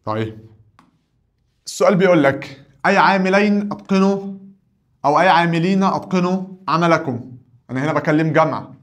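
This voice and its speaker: An Arabic teacher with an Egyptian accent walks through grammar drills. He pitches each question up with energy, then settles down low and firm for the answer, in the steady back-and-forth rhythm of a classroom lesson. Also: brisk, pauses often.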